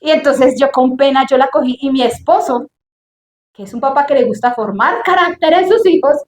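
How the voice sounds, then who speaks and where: High-voiced woman preaching, echoey church. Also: moderate pace, a little hiss or hum. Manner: emphatic, lively storytelling. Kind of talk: sermon.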